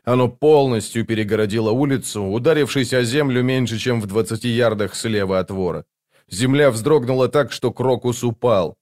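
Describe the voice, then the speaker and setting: A male narrator reads fantasy prose in a steady, measured manner. His voice sits at an ordinary middle pitch. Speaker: audiobook narrator.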